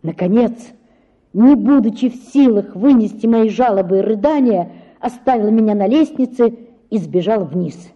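A woman narrating a literary audiobook in an expressive, emotional way, on a dull lo-fi recording. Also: a little high, normal speed.

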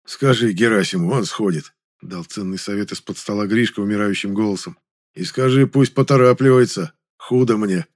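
A man voicing a hoarse, injured working-class man in a spoken audiobook story. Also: fairly low pitch, moderate pace, close to an everyday voice. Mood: complaining. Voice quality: hoarse, wheezing.

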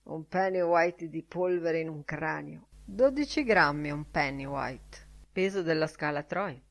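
A woman reading a classic novel aloud in measured audiobook narration, lifting her voice for the quoted characters. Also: deep voice. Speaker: audiobook reader.

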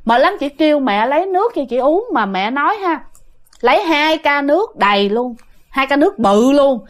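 A woman with a Southern Vietnamese accent telling a ghost story to her listeners in a lively, dramatic, casual way. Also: high-pitched, normal speed.

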